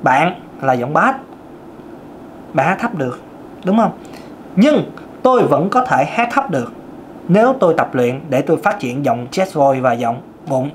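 Speaking in a fairly high, sing-song voice, this male vocal coach keeps a measured pace and pauses often while he chats directly with viewers. He demonstrates the different vocal registers he describes in his casual singing lesson, and a little background noise can be heard.

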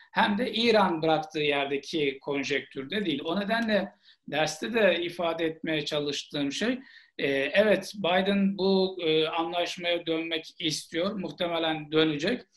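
A man's voice: fairly high pitch, unhurried, a bit bright. A man in his forties lecturing and answering questions in an online seminar, on a video call from a small room. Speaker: seminar lecturer, Gulf studies expert. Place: small plain room indoors. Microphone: video call, earphone headset.

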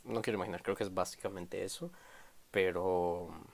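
A man's voice: deep voice, steady tone, normal speed, vocal fry. A man casually reviewing a manga chapter, rambling, stammering and correcting himself.

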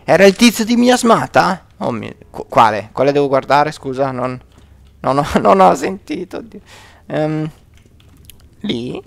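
Gravelly man exclaiming over a game. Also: a little high, very animated, measured pace, dry recording. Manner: chatty, exclaiming, joking at the game. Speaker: let's play host. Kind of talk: gameplay commentary.

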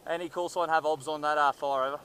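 A man's voice: fairly high pitch, steady tone, quick pace, bright, forceful tone. A man, a soldier, giving blunt, slangy orders and terse radio calls outdoors. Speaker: soldier, troop commander. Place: outdoors on an open rocky hillside. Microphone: body-worn action camera. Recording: noisy outdoor body camera audio.

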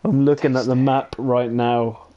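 Over dull, lo-fi stream audio, a man with a medium-pitched, mellow voice and a level tone talks at a measured pace. He's playing a game with a friend, casually chatting and chuckling while thinking aloud.

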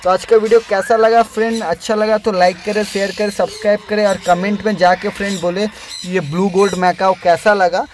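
A young adult bird breeder narrates his vlog in a high-pitched, flat, fairly quick voice, chatty and repeatedly saying "friend" to the listener. The voice-over was added after filming with no on-site mic, and a little hiss or hum can be heard.

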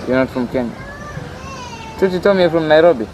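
A man's voice: a little high, animated, fast, over a noisy crowd, poor audio. A teenage boy chatting casually with friends outdoors, skeptical and laid-back, recorded by a camera on the table. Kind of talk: casual chat. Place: outdoor go-kart venue. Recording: outdoor traffic noise behind.

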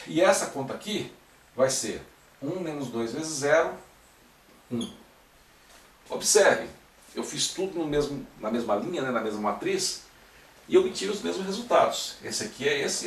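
A man's voice: on the high side, slight background noise. A man teaching a math lesson step by step, often checking in with his students as he works. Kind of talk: recorded classroom-style lecture. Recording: echoey room, mic at a distance.

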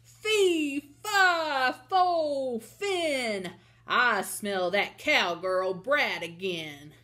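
A woman voicing a big, mean giant man who chants in a slow, loud, booming voice. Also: animated, full character voice. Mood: bellowing.

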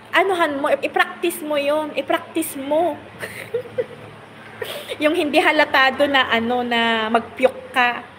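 A woman's voice: sits high, a bit bright, long reverb tail, slight background noise. A woman chatting casually on a phone live stream, reading out viewer comments, laughing often and rambling with many fillers. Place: on the road, in a vehicle.

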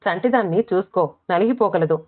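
A woman narrator voicing a fond middle-aged mother who fusses and gently scolds her grown daughter. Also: on the low side, a little fast, lightly acted. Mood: scolding. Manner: gentle, fussing, scolding softly. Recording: tinny phone-like audio.

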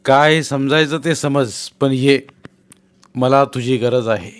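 A man's voice: medium pitch, slow, clear, resonant tone, close to an everyday voice. A man doing a shrewd village politician, coaxing. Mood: coaxing, persuasive. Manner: pressing, coaxing, teasing. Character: shrewd male village politician, middle-aged, persuasive.

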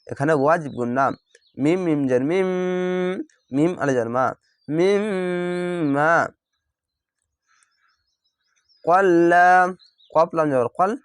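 Male teacher with a fairly high voice, patiently spelling out recitation syllable by syllable, close and dry. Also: no echo. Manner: slow drawn-out chanting of each word, then patient syllable-by-syllable spelling. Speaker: Quran reading teacher.

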